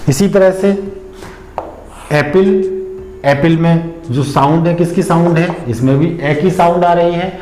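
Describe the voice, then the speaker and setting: A man teaching English pronunciation, patiently explaining step by step and repeating example words slowly. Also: fairly high pitch, darkish tone, slight background noise. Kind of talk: explanatory lesson. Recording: echoey room.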